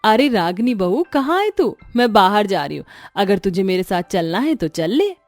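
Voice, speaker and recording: A woman voicing a sharp-tongued middle-aged mother-in-law who scolds and mocks in an animated storybook. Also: medium pitch, no echo, faint music behind. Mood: scolding. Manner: scolding, quick to anger.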